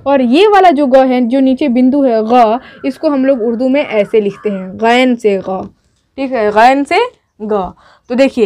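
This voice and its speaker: A woman's voice: high-pitched, darkish tone. A woman teaching how to write letters at a board, patiently repeating each step and checking in with her students. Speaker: Urdu teacher. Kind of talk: whiteboard writing lesson.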